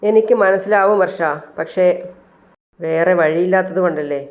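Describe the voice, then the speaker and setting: A man's voice: sits high, moderate pace, natural voice. A narrator voicing an evasive young man. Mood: guarded. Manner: short, guarded replies. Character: evasive young man avoiding his friend.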